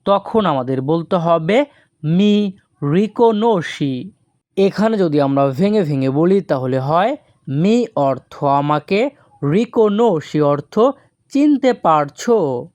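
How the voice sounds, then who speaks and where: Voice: mid-range voice, animated, darkish tone, no echo. A language teacher giving a scripted lesson, repeating each phrase and spelling it out word by word. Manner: says foreign phrases very slowly, word by word.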